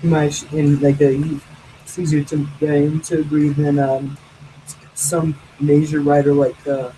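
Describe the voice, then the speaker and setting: A man's voice: on the high side, monotone, normal speed, mellow, a little hiss or hum, poor audio. A young man hosting a casual voice-call chat, rambling with lots of fillers. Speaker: host.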